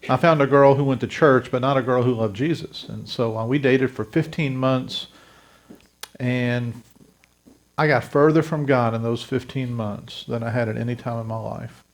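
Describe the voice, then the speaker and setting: A man's voice: mid-range voice, steady tone, moderate pace. A pastor in his fifties from South Louisiana, telling his life story to a congregation in an earnest, direct way. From South Louisiana, USA. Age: 50s. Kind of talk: testimony sermon.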